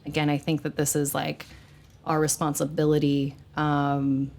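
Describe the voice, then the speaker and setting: A woman's voice: deep voice, normal speed, creaky. A woman hosting a casual group discussion, speaking earnestly and acting out the people she quotes. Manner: earnest, animated, acts out quoted speech.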